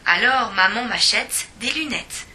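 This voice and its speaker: A woman reading a children's storybook aloud in a lively, expressive way. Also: on the high side, unhurried, a little hiss or hum.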